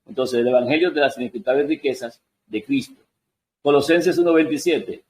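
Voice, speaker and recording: A man's voice: fairly high pitch, normal speed, darkish tone, rough recording. A man giving a Bible study lesson, reading verses aloud and answering his own questions. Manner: adjusts on-screen text while talking. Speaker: Bible teacher.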